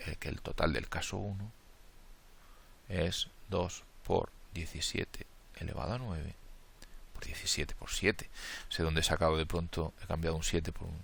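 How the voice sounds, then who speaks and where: Man, Spain Spanish accent, math lecture, methodical, bright edgy tone, gravelly. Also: low-pitched. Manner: methodical, thinks aloud and corrects slips. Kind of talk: worked-problem lecture, counting steps aloud.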